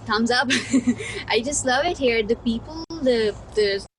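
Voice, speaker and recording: Brief: woman from Pakistan, student testimonial, eager, slightly high, mic a bit far off. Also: expressive, slow pace, fairly bright tone, slight background noise. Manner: effusive, enthusiastic. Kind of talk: testimonial interview. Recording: distant mic with faint ambience.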